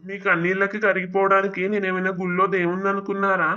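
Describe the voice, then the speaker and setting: A man's voice: high voice, monotone, fast, sharp tone, muffled recording. A man voicing an arrogant, taunting bank officer who gives harsh orders. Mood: scornful.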